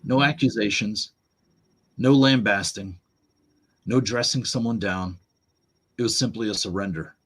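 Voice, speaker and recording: A man as a guest on an interview show, telling personal stories with animated, acted-out quotes. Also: lowish voice, a little slow, pauses often, breathy edge. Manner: animated storyteller, acts out quotes in raised voice. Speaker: podcast guest. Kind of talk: storytelling conversation.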